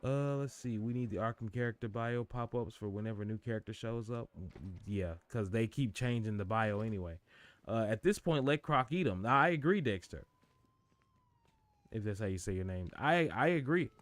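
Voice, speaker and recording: Animated, jokey male game streamer. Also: on the low side, normal speed. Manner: animated, jokey, laughs easily. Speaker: gaming streamer. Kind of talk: live gameplay commentary.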